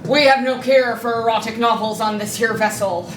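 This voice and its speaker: A woman's voice: a little high, moderate pace, slight background noise, close to an everyday voice. A woman playing a pompous, threatening one-eyed male pirate king in an improvised live show. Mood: haughty. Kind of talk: improvised live role-play. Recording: roomy live theatre sound from far off.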